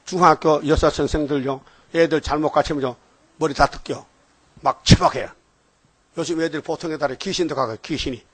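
A man's voice: fairly high pitch, fairly even intonation, fairly quick, slightly rough, no room sound. An older man giving an informal, rambling sermon, often checking on listeners with short questions. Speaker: preacher.

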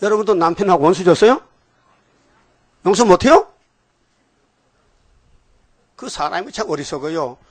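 A male pastor preaches with a fairly high, bright-pitched voice, pressing his congregation with pointed rhetorical questions. He scolds and cajoles, then has the room repeat lines after him. The sound is dry and close, with little room echo. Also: expressive, normal speed, pauses often.

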